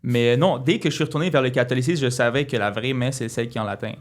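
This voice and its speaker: A man, speaking earnestly as an interview guest and often restarting his sentences. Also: mid-range voice. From Quebec. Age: 20s. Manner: earnest, halting with many restarts. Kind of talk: casual interview talk.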